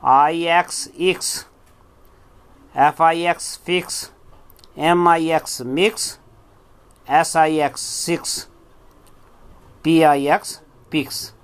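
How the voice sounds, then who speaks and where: A man's voice: a little high, fairly even intonation, takes it slowly, long pauses, clear, resonant tone. A male teacher leading a phonics drill, spelling out each word letter by letter and then saying it.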